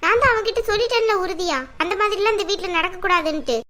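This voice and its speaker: A woman voicing a worried middle-aged mother in a cartoon who scolds and pleads for calm. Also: extremely high pitch, fast. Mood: scolding. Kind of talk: cartoon voice acting.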